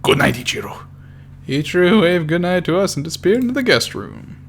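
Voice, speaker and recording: A man's voice: sits high, animated, fast. A young man streaming, reading a visual novel aloud with joking, profane asides over a faint hum. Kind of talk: casual game stream reading and banter.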